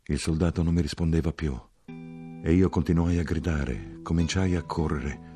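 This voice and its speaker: A man narrating a literary audiobook in a measured, dramatic way that lifts when he voices dialogue. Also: rumbling low, over music. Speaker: audiobook reader.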